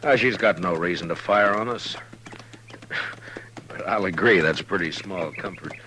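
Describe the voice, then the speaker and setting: Deep-voiced laconic frontier marshal. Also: male voice, pushed and bright. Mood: calm, wary. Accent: American. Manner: laconic, measured. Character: calm, dry, authoritative frontier marshal. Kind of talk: 1950s radio western acting. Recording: slightly noisy old radio recording.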